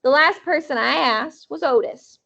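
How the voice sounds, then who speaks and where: A woman teacher reading a novel aloud to her class in an animated way, with chatty asides. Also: high voice, moderate pace, creaky. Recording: dull lo-fi audio.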